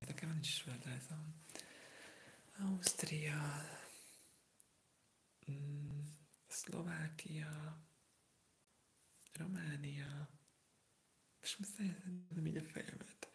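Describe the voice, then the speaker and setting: A man hosting a live ASMR stream, answering viewer comments in a soft unvoiced whisper. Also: a little high, gravelly. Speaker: ASMR livestream host. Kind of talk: whispered ASMR livestream chat.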